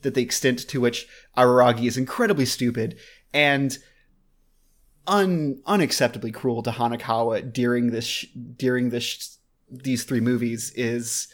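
A man's voice: medium pitch, fairly even intonation, moderate pace. A man co-hosting a podcast in casual chat, rambling with frequent restarts and fillers. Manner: rambling, with many restarts and laughs. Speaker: podcast co-host.

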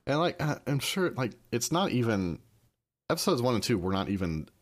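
A man's voice: mid-range voice, big pitch swings, brisk. A man co-hosting an anime podcast, rambling with restarts and dry sarcasm. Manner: rambling, self-interrupting, sardonic. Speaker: podcast co-host. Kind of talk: casual podcast chat.

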